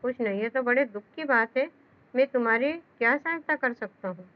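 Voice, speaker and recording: एक महिला पढ़ती है चतुर गीदड़. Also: female voice, a little high, moderate pace, close to an everyday voice. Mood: wary. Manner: reads in a plain, explanatory voice. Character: cunning, wary male jackal. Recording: dull lo-fi sound.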